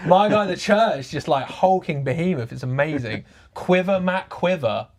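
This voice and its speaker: A man's voice: on the high side, animated, normal speed. A man hosting a casual livestream, reading out audience questions with an upbeat, laughing manner. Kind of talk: casual chat.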